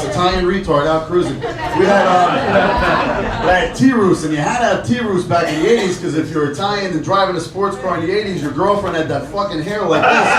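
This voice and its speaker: A middle-aged man from the Shore, doing a brash, profane stand-up set and working the crowd. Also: high-pitched. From Jersey Shore, USA. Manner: brash, profane, chatty with the audience. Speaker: stand-up comedian. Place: comedy club stage. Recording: roomy live club audio from a distant mic. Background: laughing crowd.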